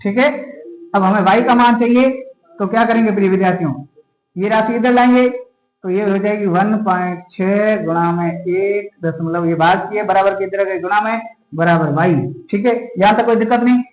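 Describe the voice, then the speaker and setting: A man with a Rajasthani Hindi accent works through a classroom math lesson in a fairly high voice. He talks straight to his students and keeps asking whether they have any doubts. The sound has a roomy echo. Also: normal speed. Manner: addresses students repeatedly, checks for doubts. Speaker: math teacher. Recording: echoey room.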